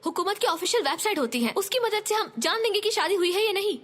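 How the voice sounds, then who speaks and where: A woman's voice: very high voice, expressive, fast. A woman dubbing a fearful young woman who is terrified of germs and refuses to leave the house, talking in a pleading, anxious way. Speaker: younger sister. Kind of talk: dubbed TV drama.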